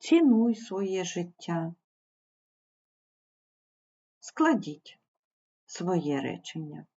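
Slow, patient woman teacher. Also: fairly low pitch, animated, mellow, muffled recording. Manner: patient, spells out sounds and syllables. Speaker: primary school teacher. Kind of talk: slow explanatory online lesson.

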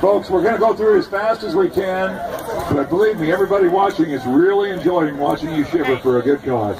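A man's voice: high voice, a little fast, rough recording. A man working as a jovial, teasing live announcer at an outdoor event. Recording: outdoor PA with crowd noise. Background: crowd.

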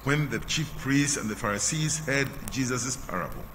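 Standing at the altar of a big church sanctuary, a middle-aged canon reads the gospel and delivers a sermon, his voice medium-pitched and fairly bright with a Ghanaian English accent. His phrasing is slow, measured and drawn out, dropping at each line's end. He speaks masked into a lectern mic, with long reverb and a faint hum around him.

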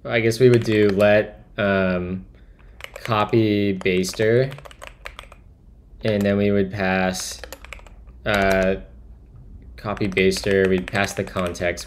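Slow, low-voiced man coding on stream. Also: slight background noise. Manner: musing, self-talking, trailing off. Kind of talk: thinking aloud while coding.

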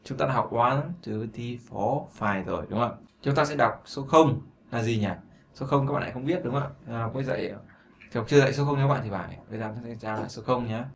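A man's voice: medium pitch, fast, creaky. Chatty man teaching English, echoey room. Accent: Vietnamese. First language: Vietnamese. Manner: chatty, repeats words often, breaks in with fillers and asides. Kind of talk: explaining a beginner English lesson. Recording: echoey room with faint noise.

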